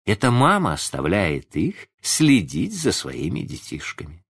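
A man voicing a gentle, anxious young mother in a storybook reading, soft and pleading. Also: lowish voice, huge pitch swings, measured pace, creaky, slightly rough, voice pushed up, full character voice. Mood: tender.

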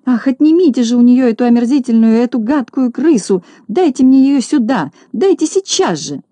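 A woman's voice: high-pitched, lively intonation, fairly quick, mellow, no echo, pitched above the performer's own voice. A woman voicing a haughty, fussy rich lady in an audiobook, shrieking and scolding melodramatically. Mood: hysterical. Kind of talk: audiobook character reading.

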